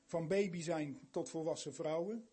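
A man's voice: on the high side, moderate pace, warm tone, breathy edge, faint music behind. An older man giving an earnest sermon, asking his listeners many questions. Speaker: preacher.

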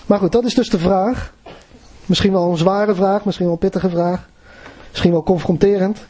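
A man's voice: high voice, steady tone, moderate pace, warm tone, husky. A man preaching a sermon in an earnest, conversational way, often putting questions to his listeners.

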